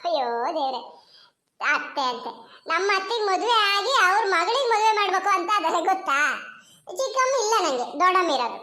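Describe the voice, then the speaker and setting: A woman voicing a sharp-tongued village girl. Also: extremely high pitch, expressive, heavily acted. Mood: chatty. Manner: fast-talking, cheeky, tearful in turns. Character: chatty bold little village girl, quick-tongued. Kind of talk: Kannada cartoon voice acting. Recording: roomy home recording.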